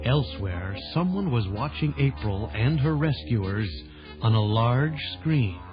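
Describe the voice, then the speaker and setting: In an unhurried, mid-range voice near everyday speech, with lively intonation, a man narrates a children's adventure audio drama as a theatrical announcer. The dull, band-limited old recording carries loud dramatic music in the background.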